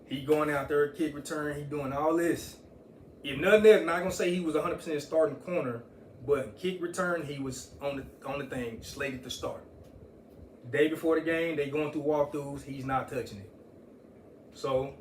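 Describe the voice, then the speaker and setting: A man recounts events in an animated, casual way and acts out the people he quotes. His voice is a bit distant from the mic in an echoey room, with faint ambient noise behind. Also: mid-range voice. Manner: animated storyteller, quotes others, Southern US vernacular. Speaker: guest, father and coach. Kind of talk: casual storytelling.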